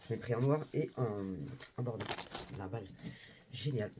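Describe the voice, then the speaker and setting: With a very deep voice at a moderate pace, a young lifestyle vlogger talks right to her viewers. Her casual vlog chat is slangy and exclamatory, and there's background noise behind her.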